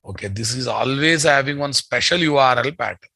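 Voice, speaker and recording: A man's voice: mid-range voice, a little fast, gravelly, pushed and bright, slightly rough, no room sound. A man with a Telugu Indian accent teaching a live technical class, bluntly questioning his students and repeating key phrases. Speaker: programming instructor.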